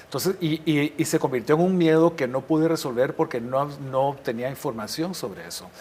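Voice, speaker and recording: A man's voice: fairly high pitch, moderate pace, darkish tone. A middle-aged man from Guatemala, a war correspondent, being interviewed and telling his stories reflectively, often restarting his sentences. There is faint noise behind him. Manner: reflective storytelling with frequent restarts. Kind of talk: interview conversation.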